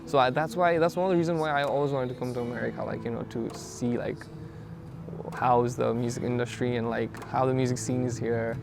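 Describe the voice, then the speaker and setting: A man's voice: mid-range voice, steady tone, brisk, gravelly, loud music behind the voice. A man, talking hesitantly in a documentary interview and leaning on "like" as a filler. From Nepal. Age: 20s. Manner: hesitant, rambling, heavy use of "like" as a filler.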